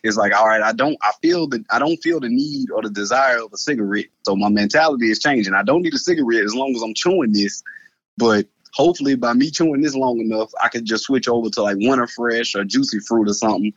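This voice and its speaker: A man's voice: medium pitch, lively intonation, quick pace, no room sound, muffled recording. A man, talking loosely and repeating words in a casual conversation, laughing often. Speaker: guest.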